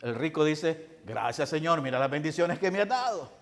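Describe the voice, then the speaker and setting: A man delivers a sermon to a congregation, his fairly high voice carried by long reverb in a large hall. He asks rhetorical questions and answers them himself. He swings between loud, urgent lines and quiet, falling ones. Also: expressive, moderate pace. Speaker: preacher.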